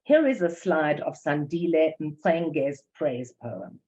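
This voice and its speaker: Delivering a lecture with poetry reading, this older South African English-accented academic presenter speaks low and slowly, with lively intonation and a mellow quality. She reads carefully from prepared material and recites poems, and the recording sounds dull and lo-fi.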